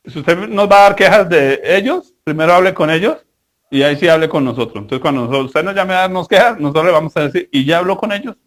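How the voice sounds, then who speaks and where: A male pastor, preaching a sermon with animated storytelling and acted-out quotes. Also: a little high, fast.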